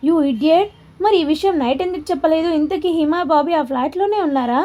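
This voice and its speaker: A bossy young man who has won a bet and now gives orders with a mocking, commanding edge, as a woman narrator puts him on. The voice sits high and sounds mellow and soft-toned. He is heard in a spoken storybook. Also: a little fast. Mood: concerned.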